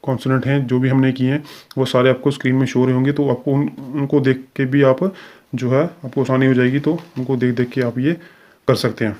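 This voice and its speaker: A man's voice: medium pitch, flat delivery, fairly quick, a little mellow, muffled recording. A man teaching a recorded shorthand lesson, explaining each sign step by step with frequent fillers.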